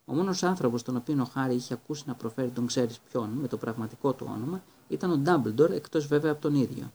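A man reading a Greek audiobook in a steady, even storytelling manner. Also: medium pitch, slight background noise. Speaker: audiobook reader. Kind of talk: audiobook narration.

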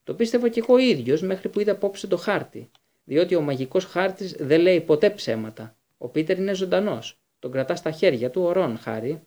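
A man voicing a calm, patient grown man who explains in an earnest, measured way in an audiobook. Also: high voice, pitched above the performer's own voice.

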